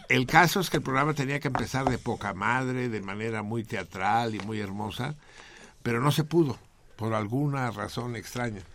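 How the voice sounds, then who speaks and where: A man's voice: mid-range voice, moderate pace, fairly bright tone, a little hiss or hum. A man with a Mexican accent hosting a radio talk show, rambling in an ironic, theatrical, joking way. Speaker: radio host. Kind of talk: joking comedic radio banter.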